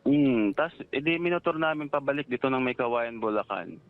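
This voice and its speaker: A Filipino security guard in his 30s calls in for advice over a tinny phone line, his medium-pitched voice lively in intonation. He retells his story in a rambling, halting way, full of fillers.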